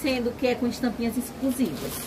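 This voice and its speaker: Ceará-accented female stall seller, matter-of-fact, somewhat high-pitched, noisy market. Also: sing-song. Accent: Brazilian Portuguese, Ceará. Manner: brisk, matter-of-fact sales talk. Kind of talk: explaining prices and sizes. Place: indoor clothing stall.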